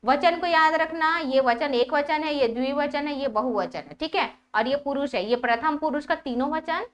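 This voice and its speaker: A woman teacher explaining a school lesson step by step, often checking whether the students follow and reciting word forms in a steady drill rhythm. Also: high-pitched, moderate pace. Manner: checks understanding with repeated "ठीक है?".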